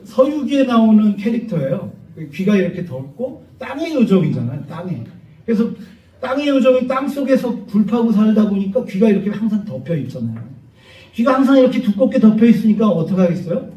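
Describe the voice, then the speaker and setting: Male pastor, animated storytelling sermon; high, mellow voice, recorded from a distance in a roomy church. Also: brisk. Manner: animated storyteller, acts out voices, jokes with the congregation. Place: church sanctuary. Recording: echoey church hall from far off, dull.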